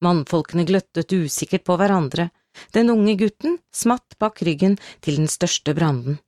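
A woman narrating a novel as an audiobook, in a steady, measured storytelling manner. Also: fairly low pitch, dry recording, clean studio sound. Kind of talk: scripted narration.

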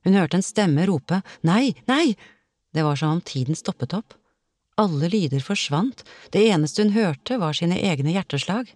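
A woman narrating a novel in an expressive, dramatic audiobook reading. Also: fairly low pitch, dry recording, studio quality.

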